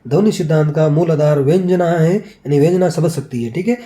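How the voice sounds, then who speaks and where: Male revision-class teacher, very mellow and dark tone, slightly high pitch, drills points by asking and answering his own questions. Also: a little fast. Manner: quizzes with rhetorical questions, answers them himself; repeats key points, ends phrases with check-in tags. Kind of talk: exam revision lecture.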